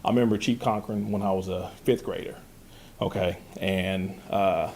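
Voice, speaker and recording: A man from Kansas speaks up at a county hearing, his voice gravelly and dark. He pleads earnestly, tripping over restarts and repeating words as he goes. His pitch stays flat and steady through it all. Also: normal speed, a little hiss or hum. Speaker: community member giving public comment. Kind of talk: public comment at a budget hearing. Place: county meeting room.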